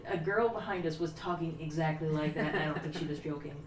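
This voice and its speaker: A young woman streamer chatting casually and telling animated stories, acting out what people said. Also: deep voice, fast. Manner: animated storyteller, lively voices for quotes. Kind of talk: casual chat. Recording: roomy, from a distance, faint noise.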